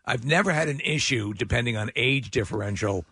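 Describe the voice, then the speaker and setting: Male radio co-host, ex-comic, bright forceful voice, dry close mic. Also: medium pitch, lively intonation, a little fast, breathy edge, dry recording. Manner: wisecracking, does jokey quote voices. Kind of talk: casual chat.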